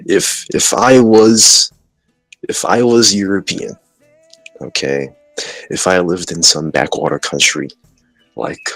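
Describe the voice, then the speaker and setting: A man's voice: very deep voice, fairly bright tone, dry recording, rough recording. A man hosting a podcast, joking and rambling in casual banter. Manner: joking, rambling, trash-talking. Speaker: podcast host.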